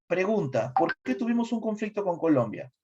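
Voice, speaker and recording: A middle-aged man with a Peruvian accent giving a lively history lecture, quizzing his students as he goes. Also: high-pitched, moderate pace. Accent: Peruvian Spanish. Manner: asks students questions, animated. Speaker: history teacher. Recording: slightly dull lo-fi recording.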